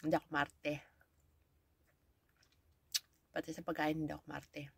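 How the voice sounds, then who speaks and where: A woman's voice: deep voice, little pitch movement, moderate pace, vocal fry, slight background noise. A Filipino woman telling viewers chatty stories about herself while talking around a lollipop in her mouth. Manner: chatty, laughing, self-deprecating. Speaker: vlogger. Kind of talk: casual storytelling to viewers.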